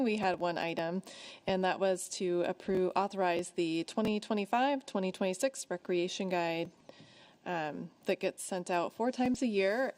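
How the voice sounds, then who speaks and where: Lower-pitched woman, councilmember, brisk, chatty. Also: darkish tone. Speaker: city councilmember. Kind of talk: council report.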